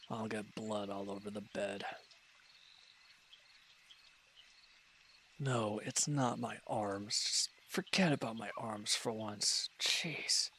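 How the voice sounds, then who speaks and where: In a scripted audio roleplay, a man voices a wounded, irritable villain who is gruff and curt yet grudgingly caring. His lowish, fairly bright voice grumbles with exasperation over slight background noise.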